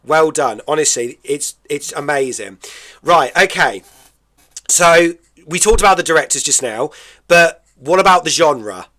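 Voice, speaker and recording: A man's voice: on the high side, animated, a little slow, pushed and bright. A British man hosting a radio interview show, chatty and enthusiastic, often laughing.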